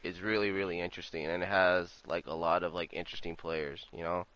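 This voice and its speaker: A man's voice: deep voice, level tone, fast talker, fairly bright tone, slight background noise. A young man co-hosting a casual gaming chat, blunt and swearing freely. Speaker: co-host. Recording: slightly dull, lo-fi mic.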